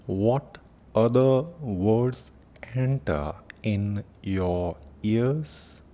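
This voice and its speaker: Over a noisy recording with a low rumble, a male meditation teacher guides listeners with soft-spoken instructions and long pauses.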